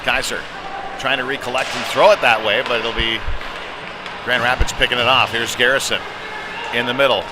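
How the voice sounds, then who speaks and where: A man with a medium-pitched, steady voice calls a youth hockey game live, speaking at a moderate pace in short, clipped running phrases with frequent pauses. He's a play-by-play commentator at an ice hockey venue, and the noisy rink comes through clearly in the background.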